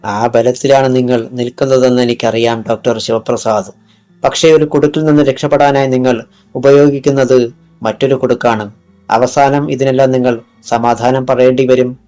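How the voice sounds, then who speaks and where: A man's voice: medium pitch, flat delivery, normal speed, dark tone, natural voice. Guy voicing a tough lady police chief, stern and accusing, music faint behind. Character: stern female police superintendent, fierce and accusing.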